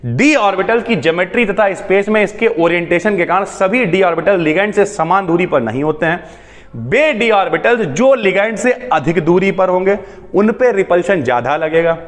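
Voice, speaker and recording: एक आदमी chemistry teacher, जो हल्के-फुल्के मज़ाकिया अंदाज़ में छात्रों को "भाई" कहकर समझाता है।. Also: male voice, sits high, animated, moderate pace. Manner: chatty, jokey, calls students brother. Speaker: chemistry teacher. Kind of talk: casual explaining lecture. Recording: long hall reverb.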